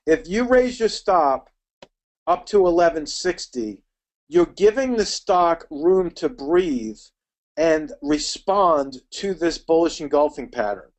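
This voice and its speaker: Middle-aged male webinar instructor, slightly high voice, rapid and chatty. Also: animated. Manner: quick, chatty, addresses attendees by name. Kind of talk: live webinar teaching.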